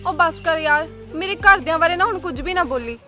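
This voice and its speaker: A woman's voice: extremely high pitch, expressive, brisk, faint music behind, full character voice. A young woman playing a bold, defiant biker girl who teases and talks tough. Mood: bitter. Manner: brash, teasing, sharp-tongued. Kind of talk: Punjabi short film acting.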